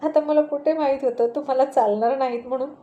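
A woman voicing a good-humored, bashful housewife who gently scolds her husband. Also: sits high, steady tone, fast, lo-fi sound, lightly acted. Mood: affectionate.

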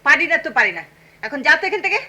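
A woman's voice: high voice, very animated, racing, pushed and bright, heavily acted. An actress playing an irritable older mother in a 1980s TV drama, curt and dismissive. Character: irritable, sharp-tongued old mother.

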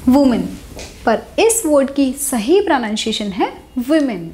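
A young woman runs a pronunciation lesson, mixing Hindi and English as she explains. Her voice sits high and moves a lot, rising and falling as she teaches. She repeats each target word slowly and clearly. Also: sing-song, a little mellow, slight background noise.

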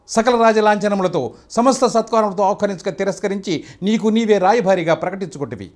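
A proud, defiant epic king thunders out a formal court speech, as an older man recites it. The voice sits fairly high and carries a grand, classical stage delivery. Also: natural voice. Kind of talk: stage-style mythological dialogue recital.

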